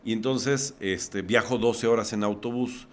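A man's voice: lowish voice, fairly even intonation, a little slow. Mexican man telling a life story. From Mexico, Puebla. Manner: vivid storyteller, recounts scenes step by step. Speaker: podcast guest. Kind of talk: personal storytelling in conversation.

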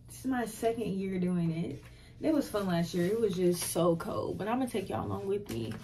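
A woman's voice: mid-range voice, fairly quick, dark tone. A young woman chatting casually to her camera as a vlogger, playful and self-mocking. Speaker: vlogger and TV anchor. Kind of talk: casual vlog chat. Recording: noticeable background noise.

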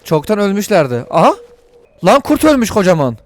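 A man narrating his gameplay to viewers with a high, bouncy voice that swings widely up and down. He is excitable, jokes crudely and swears often as he reacts to the game. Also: a little fast. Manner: talks to viewers while playing. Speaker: gaming video host. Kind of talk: let's play commentary.

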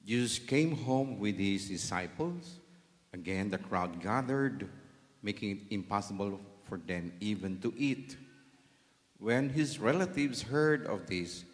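A clergyman leading mass, giving a liturgical Gospel reading in a measured, solemn cadence, his voice carrying a cathedral echo. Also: lowish voice, animated. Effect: cathedral echo, long church reverb. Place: large church. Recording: echoey church hall, long reverb.

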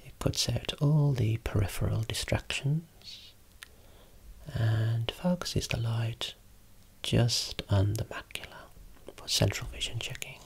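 A voice whispering slowly and softly, showing eye-clinic equipment as an ASMR role-play optometrist. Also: medium pitch, vocal fry, breathy edge. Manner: soft unvoiced whispering, explaining slowly.

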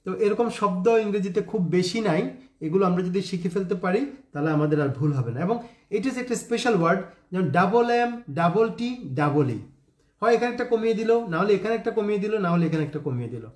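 A man's voice: sits high, animated, a little fast, roomy sound. A man teaching a spelling lesson, spelling words out letter by letter and talking to his viewers as friends. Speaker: English teacher.

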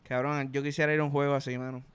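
A man's voice: medium pitch, flat delivery, very fast, smooth. A young man with a Puerto Rican Spanish accent, co-hosting a podcast in casual, crude, joking chat. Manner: slangy, crude, joking storyteller. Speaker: podcast co-host.

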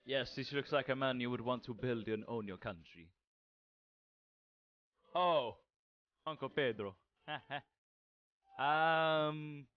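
A man's voice: medium pitch, slow, long pauses, muffled recording. A man casually commenting on a game he is playing, rambling, joking and swearing freely. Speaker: gaming channel host. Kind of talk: casual let's-play commentary.

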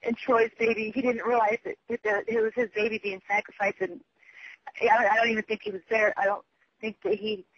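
A man with a high, gravelly voice rambles through a long phone voicemail, halting, swearing and losing his thread, though his intonation stays lively. The recording is dry, dull and lo-fi, like a telephone line.

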